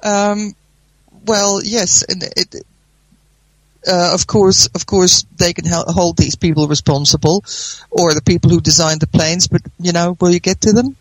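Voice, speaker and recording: A woman discussing politics earnestly as a commentator, in a halting way. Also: lowish voice, steady tone, no echo, low-quality recording.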